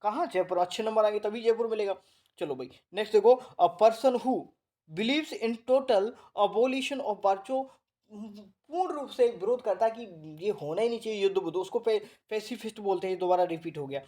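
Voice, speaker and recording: Male Indian exam tutor, warm and mellow tone, halting English, chatty check-ins with students. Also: sits high. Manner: reads English definitions haltingly, then explains in Hindi; repeats tag questions to the class. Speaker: exam coaching teacher. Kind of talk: online vocabulary lesson.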